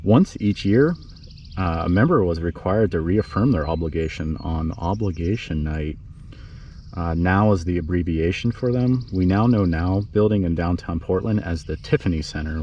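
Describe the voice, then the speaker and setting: A man talking quietly, as if not to wake anyone, giving a casual narrated history tour outdoors. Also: sits low, normal speed. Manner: hushed, speaking quietly so as not to wake the neighbours. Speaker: vlog host narrating cemetery history. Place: outdoors in a small neighbourhood cemetery. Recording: slightly muffled, outdoor background noise.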